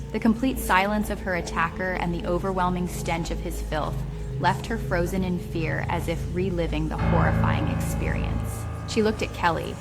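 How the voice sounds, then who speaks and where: A woman reading a thriller aloud as audiobook narrator, in steady storytelling narration over music. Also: fairly low pitch, creaky. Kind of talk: scripted narration.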